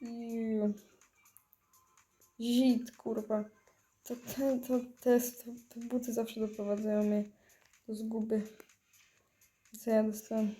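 A stoned woman, high on weed, giving dazed, giggly, foul-mouthed rambling commentary while gaming. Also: flat delivery, takes it slowly, long pauses, mellow, faint music behind. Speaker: mobile game player. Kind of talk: casual gameplay commentary.

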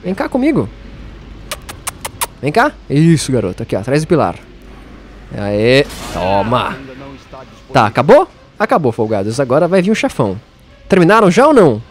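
Male let's play host, lively and taunting. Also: medium pitch, normal speed, pauses often, soft background music. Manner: playful, taunting enemies, laughs often. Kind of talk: casual gameplay commentary.

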